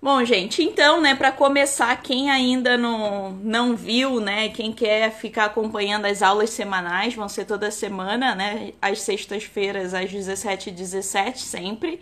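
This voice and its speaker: This Carioca enologist from Rio de Janeiro, Brazil, in her thirties, speaks casually on a live stream in a medium-pitched, fairly bright voice. She is unhurried yet barely pauses, her intonation fairly even. Chatty, she scatters "né" and "tá" fillers throughout and restarts often.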